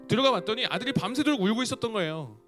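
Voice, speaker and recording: A man's voice: sits high, animated, racing, a bit bright, soft background music. A man giving a sermon to a youth congregation, telling a story and then pleading with his listeners. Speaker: youth pastor.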